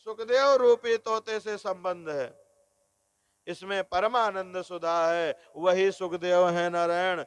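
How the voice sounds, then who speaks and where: Slow, high-voiced man giving a sermon. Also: fairly bright tone, smooth, no room sound. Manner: calls listeners "Narayan", explains slowly with repeated phrases. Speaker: religious discourse speaker. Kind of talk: devotional sermon on scripture.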